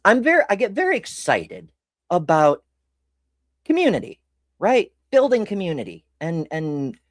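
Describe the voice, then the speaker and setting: In a dry, studio-quality recording, a host from the United States rambles through casual history commentary, cutting himself off and dropping casual swear words. The voice is medium-pitched and a little mellow.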